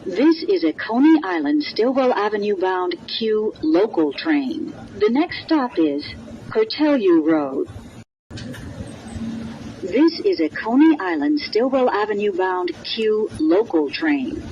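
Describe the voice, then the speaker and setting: A woman's recorded voice announces stops through a train intercom, formal and clipped into set phrases. She speaks slowly with a lively, sing-song lift to her pitch. The loudspeaker sound is dull and muffled, with a faint hum of the moving car underneath. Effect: played over a train's intercom loudspeaker. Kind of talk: automated station announcements. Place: inside a subway car.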